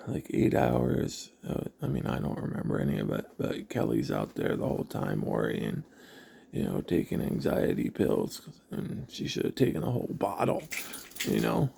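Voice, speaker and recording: Gravelly slow-talking man, halting. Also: deep voice, mellow, a little hiss or hum. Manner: halting, reflective, many pauses. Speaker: vlogger. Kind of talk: personal storytelling.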